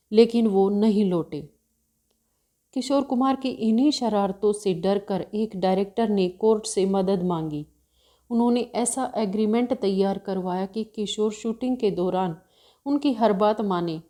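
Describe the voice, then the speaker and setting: Woman narrating with a mellow, dark voice. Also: mid-range voice. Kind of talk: scripted narration.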